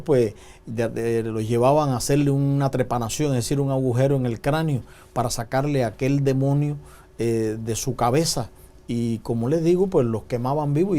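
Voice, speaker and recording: A man, a doctor appearing as a TV talk show guest, explaining medical topics in a calm, measured way. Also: mid-range voice. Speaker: physician guest.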